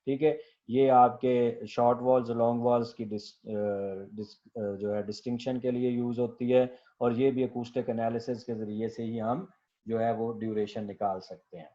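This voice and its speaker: A middle-aged male professor giving a classroom lecture, slow and patient, checking often that students follow and dictating definitions word by word. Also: medium pitch, level tone, mellow. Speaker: professor teaching linguistics. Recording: dull lo-fi classroom recording.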